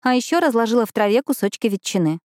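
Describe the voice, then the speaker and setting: A woman's voice: on the high side, lively intonation, fast talker, darkish tone, no echo, studio quality, pitched above the performer's own voice, close to an everyday voice. A woman reading a stubborn anxious teenage girl. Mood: insistent. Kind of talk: audiobook dialogue reading.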